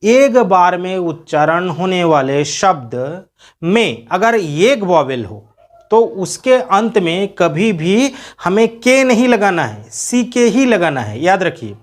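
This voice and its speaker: Indian man spelling out English words. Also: high voice. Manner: patient teaching, spells words out letter by letter. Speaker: English grammar teacher. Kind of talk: video lecture.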